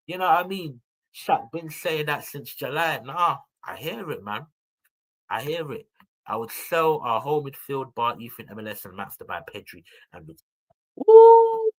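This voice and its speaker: Animated young man talking football. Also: fairly high pitch, low-quality recording. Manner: animated slangy banter, addressing listeners as people. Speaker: football podcast pundit. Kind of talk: casual fan chat.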